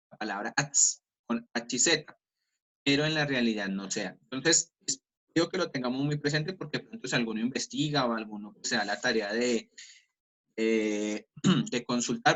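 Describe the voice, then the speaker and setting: A male teacher with a Colombian Spanish accent, giving an online class lecture over a video call, stopping to spell out examples slowly. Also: mid-range voice, fairly bright tone, poor audio. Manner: explanatory, slows down to spell out examples.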